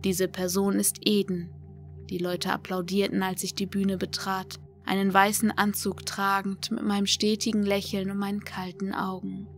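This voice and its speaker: A woman reading a first-person horror story as an audiobook narrator, in a flat, even manner. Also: mid-range voice, normal speed, few pauses. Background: faint music.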